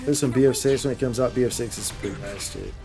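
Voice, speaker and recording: Music plays behind a man whose mid-range voice moves at a quick clip. As host of a gaming stream, he chats casually and slangily while playing, frequently saying things twice for emphasis.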